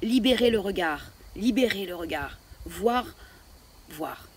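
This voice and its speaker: A woman teaching Mayan astrology, talking in a reflective way and often pausing to search for words. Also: medium pitch, lively intonation, crowd noise. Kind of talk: spoken spiritual teaching.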